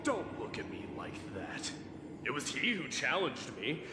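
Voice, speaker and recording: A man's voice: on the high side, very animated, measured pace, background noise. A man voicing a proud, petulant young warrior in a fantasy video game, haughty and pouty, in echoey audio. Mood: sulky, defensive.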